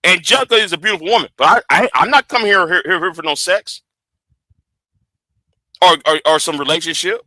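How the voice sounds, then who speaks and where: High, bright-voiced stammering man in his forties. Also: brisk, pauses often, dry recording. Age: 40s. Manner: stammering, repeats words, animated and defensive. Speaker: livestream host. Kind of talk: heated livestream talk.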